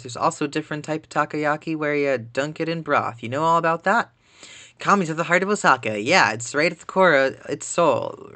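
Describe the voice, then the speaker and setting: A man's voice: on the high side, bright, forceful tone. A man doing a folksy, chatty local writer. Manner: chatty, homespun, drawling "y'all". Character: folksy article writer bragging about local food. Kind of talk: reading game dialogue aloud.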